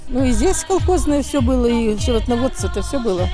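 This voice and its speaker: Retired woman in her seventies, a touch high-pitched, recounting childhood memories outdoors in a folksy manner. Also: lively intonation, fairly quick, music in the background. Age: 70s. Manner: plain folksy storytelling, repeats herself. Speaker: interviewee, retired villager. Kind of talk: reminiscing interview. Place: outdoors at a former village site.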